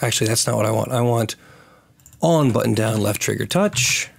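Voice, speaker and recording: Hoarse, raspy man presenting a tutorial. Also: lowish voice, normal speed. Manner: thinks aloud while working. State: hoarse, recovering from lost voice. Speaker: tutorial host. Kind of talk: casual screen-recorded programming tutorial.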